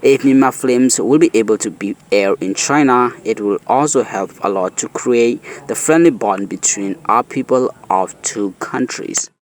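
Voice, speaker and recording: A man's voice: medium pitch, moderate pace, few pauses. A man giving a formal spoken statement as an interviewee in a news report.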